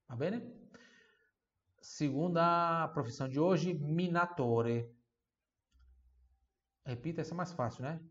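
A man giving an online language lesson, sounding words out slowly and repeating each one so the student can follow. The recording sounds a little dull and lo-fi. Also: fairly high pitch, fairly bright tone. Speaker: Italian teacher.

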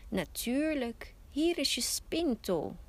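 A woman voicing a kind, welcoming old woman from a fairy tale, gentle and inviting. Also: sits high, big pitch swings, takes it slowly, full character voice.

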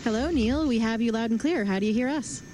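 A woman astronaut speaking in a measured, formal way over a radio link from space. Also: a little high. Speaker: astronaut aboard a space station. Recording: noisy distant space-to-ground radio link.

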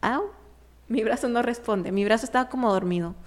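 A woman telling a personal story in casual conversation, animated and often laughing, with many fillers. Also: fairly high pitch, brisk.

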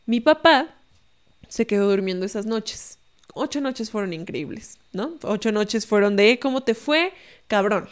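Animated Mexican woman telling a story. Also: mid-range voice, a little slow, smooth. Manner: animated, tags lines with "¿no?", acts out quoted voices. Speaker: podcast guest storyteller. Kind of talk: casual storytelling.

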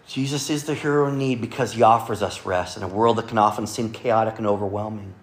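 A man preaching a Sunday sermon to a congregation, earnestly quoting scripture and often dropping to a soft, quiet delivery. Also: on the low side, fairly even intonation, fast. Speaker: pastor. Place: church service with congregation.

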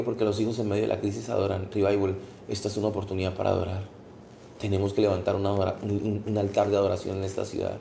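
A man's voice: fairly low pitch, gravelly, mellow, slight background noise. A man in his thirties preaching a sermon with passion, repeating words and acting out scenes as a pastor. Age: 30s. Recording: echoey room.

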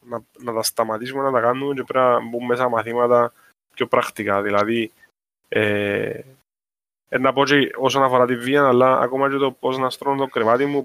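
A man's voice: medium pitch, level tone, a bit bright, no echo. Cypriot Greek man explaining things casually. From Cyprus. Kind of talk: casual discussion of social issues.

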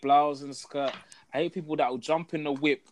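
A man's voice: fairly high pitch, fairly even intonation, moderate pace, a little hiss or hum. A young man with a London roadman accent, ranting casually in slang among friends and repeating phrases for emphasis.

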